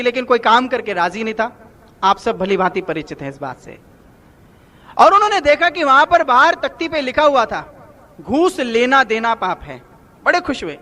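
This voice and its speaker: A male spiritual preacher delivering a devotional sermon. His voice sits very high and rings bright and forceful. He teaches by telling stories and anecdotes, walking listeners through each example. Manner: storytelling, explaining with examples and anecdotes. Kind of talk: satsang sermon with parables.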